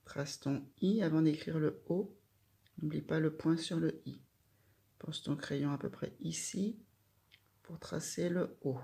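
Slow, patient teacher woman, gravelly voice. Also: low-pitched, dark tone. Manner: slow, patient step-by-step instructions. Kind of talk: handwriting lesson for children.

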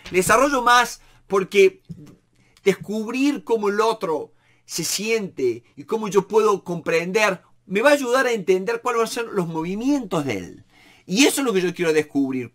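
A man teaches negotiation to camera in a high, bright-sounding voice. He is animated, repeats words and leans on fillers as he explains. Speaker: negotiation instructor.

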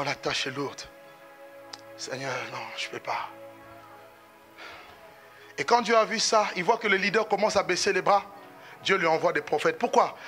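A middle-aged man preaches with a high, piercingly bright voice, swinging into fervent shouts. He is recorded in a church with soft music faintly playing behind him. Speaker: pastor. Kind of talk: sermon.

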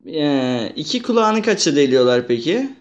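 A young man gently and patiently questioning his little daughter in a casual, playful chat. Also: on the high side, very animated, moderate pace, dull audio.

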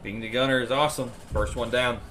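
A man's voice: mid-range voice, fairly even intonation, fast, fairly bright tone. A man chatting casually and wryly as a player in a military game squad, with some swearing. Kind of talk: casual gaming chat. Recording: noisy game voice chat.

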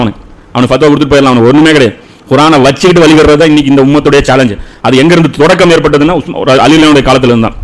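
A man's voice: on the high side, poor audio. A man giving an argumentative Islamic lecture, asking rhetorical questions and slipping English words into his speech. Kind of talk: religious lecture.

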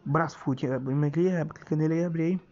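A Brazilian man with a fairly high voice gives a casual, chatty walkthrough, addressing viewers like pals. The audio is dull and lo-fi, like a phone screen recording. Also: steady tone, fairly quick, a little mellow. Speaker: tutorial host.

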